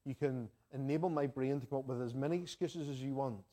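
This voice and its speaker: A man's voice: medium pitch, fast, warm tone. A man with an Ulster accent from Northern Ireland preaching a sermon in an earnest, conversational manner, repeating phrases for emphasis. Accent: Northern Irish, Ulster. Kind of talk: sermon to a congregation, with homely anecdotes and prayer.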